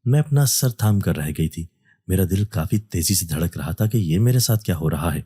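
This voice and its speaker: A man narrating a first-person horror story in a steady, even storytelling delivery. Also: deep voice, slightly rough.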